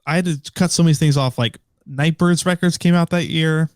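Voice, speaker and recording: A man's voice: fairly high pitch, steady tone, brisk, no room sound, studio quality. A man in his late twenties co-hosting a podcast, rambling with lots of "like"s and casual swearing. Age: late 20s. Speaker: podcast co-host. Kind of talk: casual chat.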